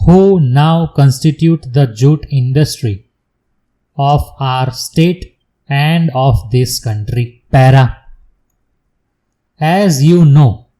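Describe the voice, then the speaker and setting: A man reading slow school dictation for shorthand practice, in short, separated, measured phrases. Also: a little high, warm tone, rough recording. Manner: measured delivery in short separated phrases, announcing paragraph breaks.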